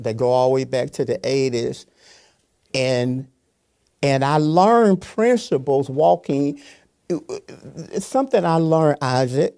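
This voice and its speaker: An older pastor sits on a panel delivering an unscripted motivational talk, reinforcing ideas with brief repeated phrases like a preacher. His voice is mid-range and mellow.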